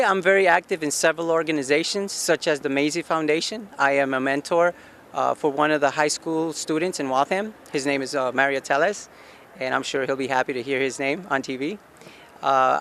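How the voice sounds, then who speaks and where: A man's voice: fairly high pitch, fairly bright tone, a little hiss or hum. Forties man from Guatemala, earnest local candidate with a slightly raised voice who asks and answers his own questions. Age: 40s. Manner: earnest, asks himself questions and answers them, frequent restarts. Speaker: city council candidate. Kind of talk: campaign statement to camera. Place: outdoor rooftop deck in a city.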